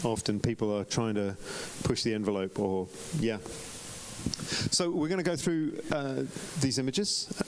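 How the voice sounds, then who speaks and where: Poor audio with slight background noise captures a man on a live stream giving a chatty club critique of competition photos, frequently correcting himself and restarting with ums. His voice sits mid-range and moves a little slowly.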